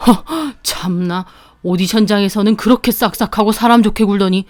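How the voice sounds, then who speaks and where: A woman's voice: on the high side, moderate pace, darkish tone, dry recording, clean studio sound, close to an everyday voice. A woman voicing a stern middle-aged husband who speaks with scorn. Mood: scornful. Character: angry middle-aged husband, film producer.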